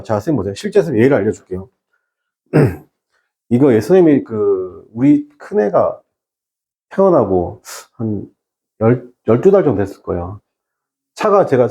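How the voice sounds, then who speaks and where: A man's voice: mid-range voice, warm tone. A man teaching an exam-prep English class, firing rhetorical questions and mixing in English terms. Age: 30s or older. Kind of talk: online lecture with an anecdote.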